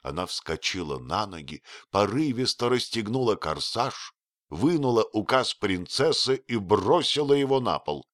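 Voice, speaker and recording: Guy narrating an old novel, low voice, lively, dry close sound. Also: measured pace, dry recording. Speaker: audiobook reader. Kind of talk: expressive literary narration.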